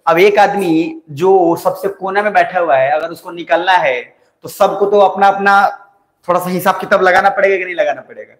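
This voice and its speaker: A young male teacher with a high, bright voice gives a coaching lecture. He is talkative, slows down to dictate notes, and keeps checking that the class follows. The sound is roomy and echoes off the classroom walls. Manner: talkative, dictates notes slowly, asks students if they follow. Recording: roomy echo.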